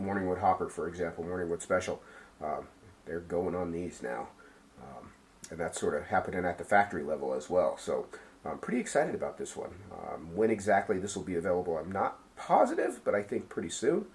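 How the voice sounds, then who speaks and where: A deep-voiced man walks through a fly tying demonstration in an easygoing, unscripted way. He drifts from point to point, often pausing on ums and uhs as he explains. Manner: relaxed, rambling, many ums and uhs. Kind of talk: casual how-to demonstration.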